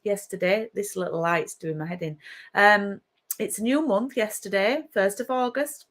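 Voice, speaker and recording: Medium in pitch and moderate in pace, the voice belongs to a middle-aged woman from Yorkshire with a matching accent. She's hosting a relaxed craft live stream from her home craft room and says hello to viewers by name.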